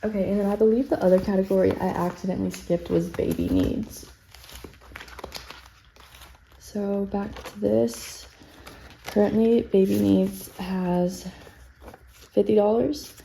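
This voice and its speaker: A woman's voice: mid-range voice, fairly even intonation, a little slow, creaky, mellow, slight background noise, rough recording. A woman, slightly out of breath, chatting casually and self-deprecatingly as she stuffs cash into budget envelopes. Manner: chatty, self-deprecating, counts bills under her breath. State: a little out of breath. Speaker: budgeting vlogger.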